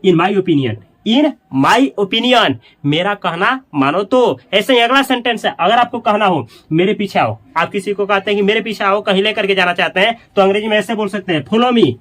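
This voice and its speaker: Guy, highish voice, teaching english phrases, says each one a few times slow so you can copy. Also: a bit bright. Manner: chatty, addresses viewers directly. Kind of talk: Hindi-medium English lesson.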